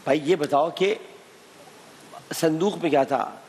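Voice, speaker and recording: A man hosts a TV quiz show in a studio with a long ringing reverb and faint hiss behind him. He teases and pushes the contestants, firing repeated demands for answers. His voice sits a touch higher than most men's. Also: slow pace, a little mellow. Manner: impatient, needling, repeats commands. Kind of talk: teasing, pressing quiz hosting.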